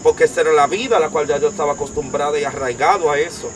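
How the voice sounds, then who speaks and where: A young Dominican man with a fairly high voice, appearing as an interview guest, gives an emphatic personal testimony and piles up details in long, rapid lists. The background is noisy.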